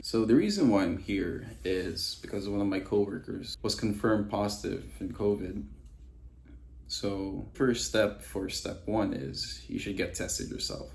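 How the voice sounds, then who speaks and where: A man's voice: on the low side, vocal fry, darkish tone. A man vlogging casually from a quarantine room, talking offhand and frank and swearing now and then. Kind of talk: casual vlog monologue. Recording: echoey room, faint background noise.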